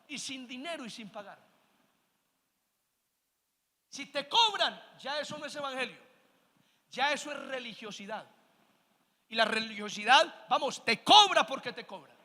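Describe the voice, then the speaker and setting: A man's voice: very high-pitched, sharp tone. A man pastor delivering a sermon, preaching with rising emphasis and calling the congregation to say amen, in a church sanctuary. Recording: long church hall reverb.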